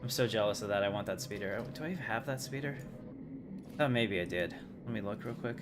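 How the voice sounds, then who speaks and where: Over music and a steady background noise, a game livestreamer chats casually with his viewers and comments on what he's playing. He talks fast in a fairly low voice.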